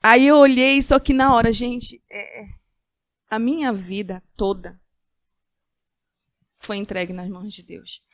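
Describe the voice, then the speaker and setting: A woman giving a personal faith-filled testimony as a podcast guest, earnest, with halting restarts. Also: fairly high pitch, dry recording, clean studio sound. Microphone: studio podcast mic.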